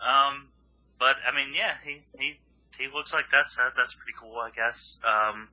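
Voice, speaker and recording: A man with a very bright, forceful voice chats loosely on a podcast. He rambles, swears freely and lets his sentences trail off. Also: mid-range voice, measured pace, muffled recording. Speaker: podcast co-host. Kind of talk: casual chat.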